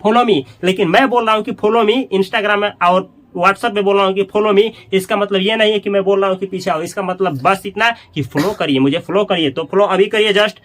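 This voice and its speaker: A man teaches spoken English to his viewers. He repeats every phrase slowly several times and talks to them directly and casually. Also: high-pitched, fairly even intonation, a bit bright. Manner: chatty, addresses viewers directly. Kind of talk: Hindi-medium English lesson.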